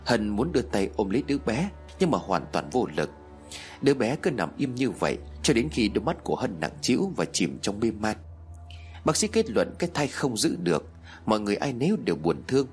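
A man narrating a horror story in a dramatic, expressive way. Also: fairly low pitch, brisk, faint music behind.

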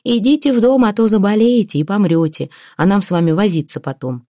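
A woman voicing an impulsive, emotional woman friend who pleads and shouts through tears. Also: fairly low pitch, expressive, moderate pace, no echo, studio quality. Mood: indignant. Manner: loud, tearful, indignant.

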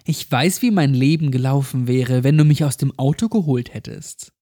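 A man's voice: medium pitch, moderate pace, mellow, natural voice. A man voicing a tortured little girl in a horror story, speaking in a raised, thin voice that turns bitter and accusing. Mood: vengeful. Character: mutilated little girl, weak then enraged.

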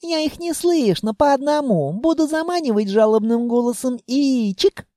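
A man voicing an eager, bloodthirsty little girl in an audiobook, with high childish chatter. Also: lively intonation, moderate pace, dark tone, no room sound, studio quality. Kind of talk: audiobook character voice.

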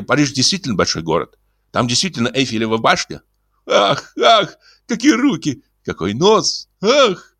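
A man's voice: a little high, vocal fry, pushed and bright, dry recording, clean studio sound, pitched above the performer's own voice, full character voice. A man voicing a fawning, giddy grown man who gushes in breathless sighing exclamations in an audiobook. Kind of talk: audiobook character voice.

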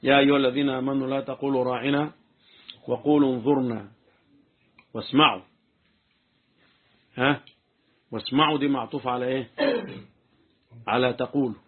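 Fast-talking Egyptian sheikh, tinny recording. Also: male voice, mid-range voice, fairly even intonation, slightly rough. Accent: Egyptian Arabic. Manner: talkative, keeps checking the listeners follow. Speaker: sheikh teaching Quran commentary. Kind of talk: informal religious lesson.

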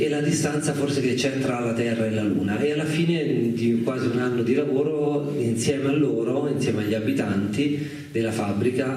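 Speaking in a mid-range voice with a dark tone, a guest documentary filmmaker gives a casual, unrehearsed talk, reflective and hesitant while reaching for words. The setting is an echoey indoor live radio event, recorded through a distant mic with a little background noise.

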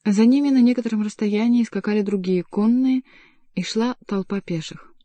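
A woman narrating an audiobook in a calm, measured way. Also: medium pitch, no echo. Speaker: audiobook reader. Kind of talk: scripted narration.

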